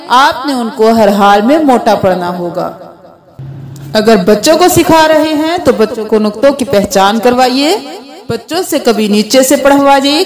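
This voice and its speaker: A woman teaching a slow Quran reading lesson, explaining each letter patiently and drawing out the letter sounds for learners to repeat. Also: fairly high pitch. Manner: patient step-by-step instruction.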